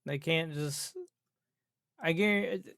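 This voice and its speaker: Speaking slowly in a high-leaning, creaky, fairly bright voice, a gaming commentator goes on an improvised, exasperated rant about a video game. He swears, grumbles, repeats points and asks rhetorical questions, captured cleanly in a studio with no room sound.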